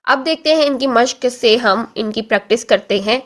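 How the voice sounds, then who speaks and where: A woman teaching Quran recitation, explaining calmly and repeating letter sounds again and again for practice. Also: a little high. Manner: explains slowly, drills letter sounds with many repetitions; stretches demonstration words very slowly. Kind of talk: tajweed lesson.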